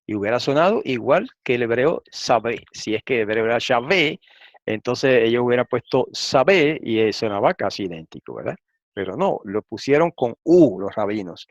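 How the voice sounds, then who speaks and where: A man teaching a lesson, reading transliterated Hebrew and Greek slowly and asking frequent rhetorical questions. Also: medium pitch, lively intonation, no echo. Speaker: Bible teacher. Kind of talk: lecture explaining Hebrew and Greek texts. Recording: dull, slightly lo-fi and dry.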